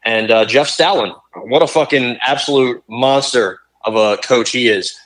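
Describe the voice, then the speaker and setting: A man's voice: medium pitch, moderate pace, a bit bright, rough recording. A young man co-hosting a casual sports podcast, talking bluntly and profanely in long rants. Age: young adult. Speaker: podcast co-host.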